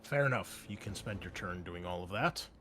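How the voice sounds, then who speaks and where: A man with a low, expressive, sharp-toned voice narrates at a moderate pace as game master and host of an actual-play show, with a little hiss or hum in the audio. His telling is informal, full of wry asides and casual swearing, set against background music.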